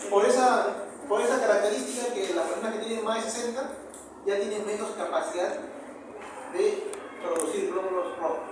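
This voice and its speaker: A man with a Peruvian accent giving a university histology lecture, often repeating key terms and asking the class quick questions. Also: high-pitched. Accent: Peruvian Spanish. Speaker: histology professor. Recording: very echoey room, far from mic, noisy.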